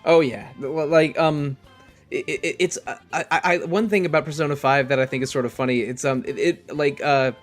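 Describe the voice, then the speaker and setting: On a podcast panel discussing video game music, a man talks eagerly but haltingly, frequently starting over and repeating words. His pitch sits fairly high and his tone stays steady.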